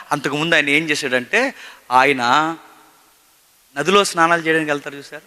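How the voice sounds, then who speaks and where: A male pastor delivers a sermon with an intensely bright, cutting tone. He fires rhetorical questions and swings from forceful peaks down to hushed asides. His voice carries the long reverb of a large hall. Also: a little high.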